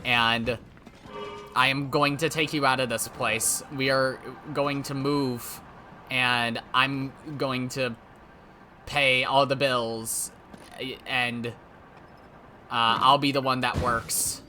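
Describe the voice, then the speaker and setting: A man's voice: medium pitch, little pitch movement, slow pace, pauses often, bright, forceful tone, soft background music. A man voicing a devoted soulmate stranger. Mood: earnest. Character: devoted stranger declaring undying love.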